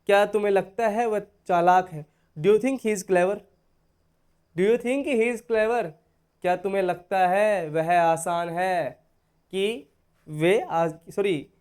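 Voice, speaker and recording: Male tutor, high and clear, patient step-by-step explainer to his students. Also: a little mellow. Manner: explains step by step, often checking in with "okay?"; addresses viewers as dear students. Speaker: English teacher. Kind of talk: online spoken-English lesson.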